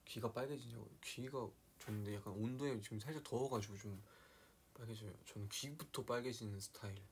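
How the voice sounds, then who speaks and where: A soft-spoken young man chatting casually on a live stream, slipping into quiet asides and playful dialect impressions. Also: lowish voice, a little fast, a little hiss or hum.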